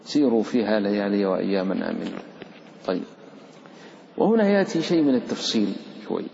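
A man's voice: quick pace, creaky, slight background noise. Man teaching in an echoey hall. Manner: explains rules, then chants the Quranic examples; lively, questions and teases the students. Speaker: Quran recitation teacher. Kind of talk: live tajweed lesson. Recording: echoey hall, dull low-fi sound.

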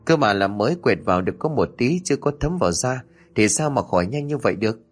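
Man reading a chatty kindly aunt figure for an audio horror story, animated lilt. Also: mid-range voice, quick pace, breathy edge. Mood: puzzled. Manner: chatty, wondering, clucking. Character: fussy older village woman, kindly but puzzled.

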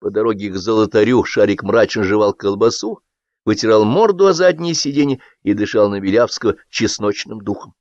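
A man's voice: fairly low pitch, fairly quick, darkish tone, no echo. A man narrating a satirical novel as an audiobook reader, telling the story expressively. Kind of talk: scripted literary narration. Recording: dull lo-fi audiobook recording.

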